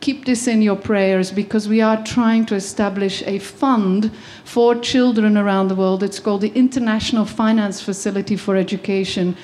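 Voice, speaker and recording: A woman's voice: mid-range voice, fairly even intonation, moderate pace, few pauses, a little mellow. A woman from Belgium giving an earnest faith-based talk on education, with frequent ums and restarts. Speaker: guest speaker.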